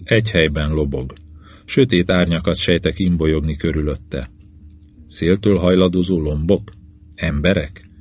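A man narrating a novel in the first person, in measured, even short phrases. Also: extremely low pitch, slightly rough. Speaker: audiobook narrator. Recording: dull lo-fi recording.

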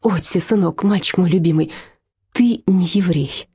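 An anxious, loving mother, as a woman reader voices her, tender and pleading with her sons. Her voice is low and mellow, slightly husky, and heard dry and close. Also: measured pace, no room sound, full character voice.

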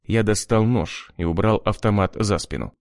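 A man's voice: fairly low pitch, moderate pace, gravelly, a little mellow, no echo, clean studio sound. A man reading an audiobook in a grim, cold first-person voice. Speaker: audiobook narrator. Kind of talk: scripted narration.

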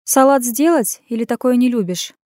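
Here a woman reads out the lines of a bashful yet prickly young woman in an audiobook. Her voice sits a little higher and louder than the plain narration and keeps a teasing, sulky edge. The recording is dry and close. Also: expressive, normal speed, no echo, close to an everyday voice. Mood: shy. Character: young woman, shy but proud and sharp-tongued.

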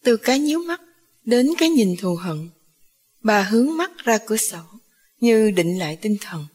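A woman narrating an audiobook story in a steady, measured reading. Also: mid-range voice, slightly rough.

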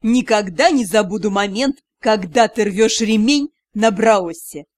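Woman playing a drawling, sneering male magister in a storybook, voice dropped low. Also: animated, measured pace, dry recording. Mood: mocking. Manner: sarcastic, drawling. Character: mocking aristocratic male mage, sarcastic, teasing.

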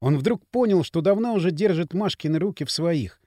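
A man reading an audiobook as its narrator, in an expressive, dramatic way. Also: fairly high pitch, brisk, no room sound, studio quality. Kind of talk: scripted narration.

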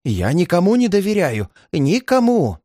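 A man's voice: sits high, huge pitch swings, measured pace, a little mellow, dry recording, clean studio sound, pitched above the performer's own voice, heavily acted. A man voicing a frightened, paranoid old man who pleads in a shaky, tearful voice. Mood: frantic, fearful. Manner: frantic outbursts, near tears.

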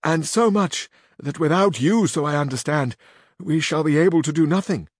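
A man's voice: on the high side, normal speed, no echo, studio quality, natural voice. A man doing a lamenting distressed noblewoman. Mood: formal. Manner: florid, lamenting.

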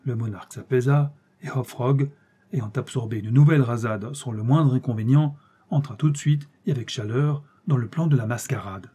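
A man reading a classic story aloud as an audiobook narrator, steady and expressive. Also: mid-range voice, normal speed, husky.

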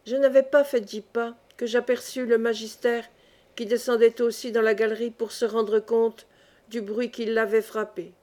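A woman reading a classic novel aloud as an audiobook. Her delivery is expressive and dramatic. Her voice sits fairly high. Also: normal speed. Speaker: audiobook narrator. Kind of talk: scripted narration of a classic novel.

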